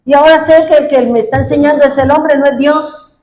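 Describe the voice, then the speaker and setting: Fervent high-voiced woman pastor preaching. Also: fairly even intonation, a little fast, darkish tone. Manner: fervent, quotes congregants and prays aloud. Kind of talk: sermon. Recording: echoey room.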